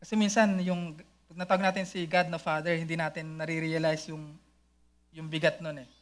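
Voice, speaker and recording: Man, pastor, preaching a sermon, slightly high voice, shifts from quiet to loud. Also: level tone, fairly quick. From Philippines. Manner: mixes English into sermon, rising to loud calls. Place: church.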